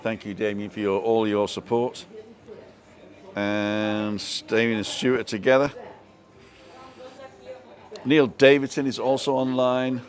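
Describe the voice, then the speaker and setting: This Mancunian streamer speaks in a fairly low, flat voice with a gentle local accent. He goes slowly and pauses often while he reads viewer comments and chats casually with his audience.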